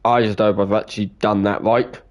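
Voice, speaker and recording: A man's voice: fairly low pitch, flat delivery, normal speed, a little mellow. A young man hosting a casual gaming video, lecturing in an emphatic, repetitive way. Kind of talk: casual let's-play commentary.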